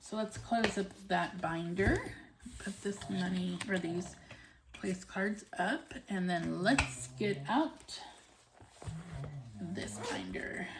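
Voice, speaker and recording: A woman casually narrating a hands-on task as a video host, unhurried and often counting to herself, in a noisy home recording. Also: lowish voice. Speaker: budgeting channel host. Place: at home, indoors.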